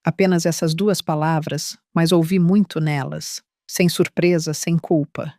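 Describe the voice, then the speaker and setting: A woman reading a scripted first-person story in a measured, reflective way. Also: low-pitched, fairly even intonation, darkish tone, no echo, studio quality. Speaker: narrator.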